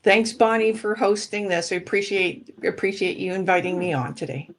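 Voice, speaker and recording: A middle-aged woman from Alberta, Canada, speaks at a normal pace in a medium-pitched voice. She is a political candidate appearing as a guest in a casual interview, talking earnestly with frequent ums and restarts.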